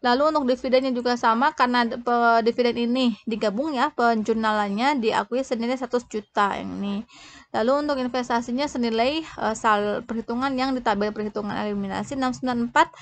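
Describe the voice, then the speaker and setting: A young woman, an accounting tutor, presents an explanatory tutorial in a halting way, frequently breaking off and starting over. Her voice is a little high and steady in tone.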